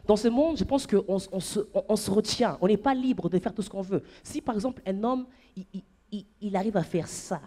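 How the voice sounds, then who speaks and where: A man doing a stand-up comedy set on stage, playful and animated, breaking into falsetto and shouts for gags. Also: fairly quick, hardly any pauses. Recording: live club with audience.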